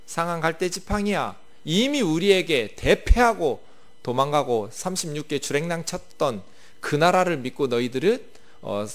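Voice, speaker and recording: A man voicing an arrogant enemy army commander who taunts with mocking rhetorical questions. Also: fairly high pitch.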